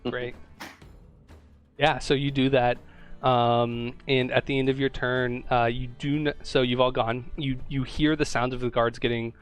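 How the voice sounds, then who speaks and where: A man running a tabletop game as game master, describing scenes in a relaxed, hesitant way with many fillers. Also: mid-range voice, unhurried, smooth, soft background music.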